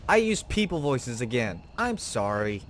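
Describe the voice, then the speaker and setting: A man's voice: mid-range voice, big pitch swings, unhurried, noisy background. A man hosting a gaming video, giving casual commentary and musing to himself as he goes.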